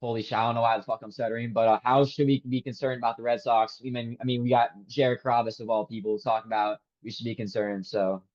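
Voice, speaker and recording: A man's voice: mid-range voice, flat delivery, fast talker, hardly any pauses, darkish tone, lo-fi sound. A man hosting a casual sports podcast, asking loose, stumbling questions and cursing. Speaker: podcast host.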